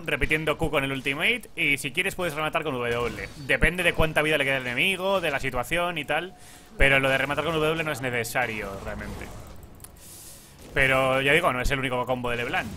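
A gaming YouTuber, young and from Spain, talks over his gameplay in a sharp, mid-range voice with a Spanish accent, laughing, swearing at the lag, and mock-pleading with the game. Faint music sits behind him, along with a bit of hiss or hum.

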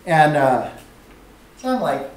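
A man teaching a training session, telling stories and acting out the voices of the people in them. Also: slow. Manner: acts out quoted dialogue with lively swings in pitch. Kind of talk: animated storytelling lesson. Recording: very echoey room, distant mic, faint hiss.

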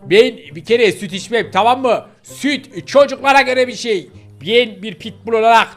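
A man's voice: very high voice, animated, normal speed, soft background music. A man voicing a stubborn pitbull puppy. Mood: defiant. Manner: defiant, boastful.

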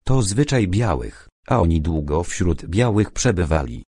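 Man reading as a quiet, drawn-out old sorcerer. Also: deep voice, sing-song, breathy edge, no echo, clean studio sound, full character voice. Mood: stern, calm.

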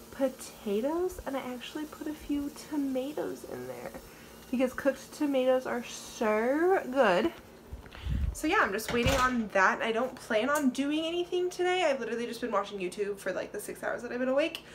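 A woman's voice: high-pitched, lively intonation, normal speed, noisy background. A young woman chatting casually in her home kitchen vlog, rambling with fillers, recorded on a phone. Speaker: vlogger. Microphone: phone camera.

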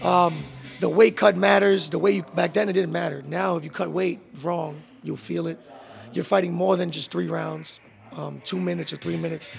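A man in his twenties, a professional boxer, answering interview questions in a relaxed, slangy way with a handheld mic in a boxing gym. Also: sits high, moderate pace, vocal fry. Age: 20s. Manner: relaxed, street slang, many "bro" and "um". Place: boxing gym beside a ring, indoors.

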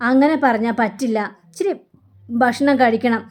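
A woman voicing an older grandmother from a TV serial who gently coaxes a child to eat. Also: a little high, fairly even intonation, moderate pace, lightly acted. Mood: coaxing. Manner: coaxing, gentle.

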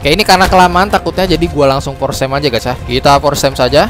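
A man's voice: fairly high pitch, steady tone, fairly bright tone. A young man hosting a casual game tutorial, chatty and upbeat, often calling out to his viewers and laughing off his own mistakes. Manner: chatty, says guys constantly, quick apologies and laughs at his own slips. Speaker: gaming channel host. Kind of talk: casual gameplay tutorial commentary. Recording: music playing under the voice.

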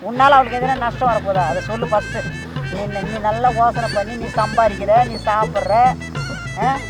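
A woman's voice: a little high, fairly even intonation, normal speed, over loud music. An older woman, scolding and giving blunt advice outdoors. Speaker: passer-by.

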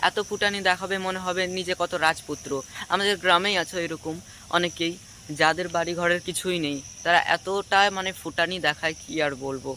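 A man giving a moralizing vlog monologue, lecturing viewers and often checking in with a quick "all right?". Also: high voice, fairly even intonation, pushed and bright, slight background noise. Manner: preachy, keeps asking "ঠিক আছে?". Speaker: vlogger.

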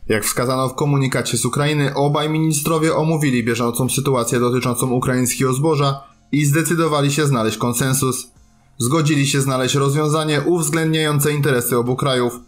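A man's voice: mid-range voice, steady tone, brisk. A man reading scripted news narration as a voice-over, reporting in a formal written style. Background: background music.

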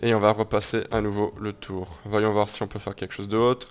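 A man's voice: fairly low pitch, level tone, fairly quick, clear, resonant tone. Joking man narrating his gameplay. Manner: jokey and playful, coins silly made-up words, swears casually. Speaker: gameplay commentator. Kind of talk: casual let's-play commentary.

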